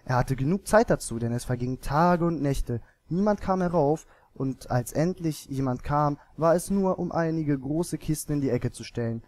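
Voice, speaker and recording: A man narrating a fairy tale in an expressive storybook manner. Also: on the high side, moderate pace, few pauses.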